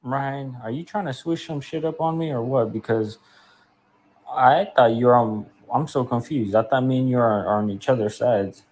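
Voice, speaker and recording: A man talking through a voice changer that drops his pitch, sounding confused and accusing. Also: normal speed, a little mellow. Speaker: clip of a caller on a live stream. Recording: dry, tinny phone-like playback.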